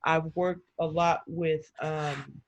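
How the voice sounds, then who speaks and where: An excited woman chatting casually on a video call as a community organizer, talking fast with lots of fillers. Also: deep voice, a little hiss or hum. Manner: energized, talks fast with many fillers and quoted voices. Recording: muffled video-call audio.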